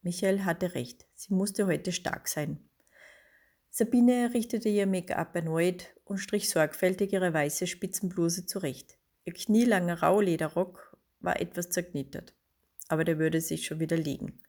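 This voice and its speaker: Calm woman narrator. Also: lowish voice. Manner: calm, measured reading. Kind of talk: scripted audiobook narration.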